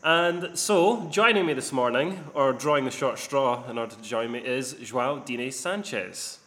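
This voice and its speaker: A man's voice: mid-range voice, moderate pace, a bit bright. Rambling male podcast host, echoey room. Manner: rambling, self-deprecating. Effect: echoey sound from a near-empty living room. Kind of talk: casual podcast chat. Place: sparse living room, indoors.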